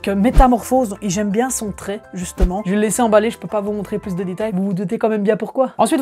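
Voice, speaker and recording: A man in his twenties with a high, somewhat mellow voice shows off his manga purchases in a casual video filmed at home. An enthusiastic collector, he often hesitates and uses fillers.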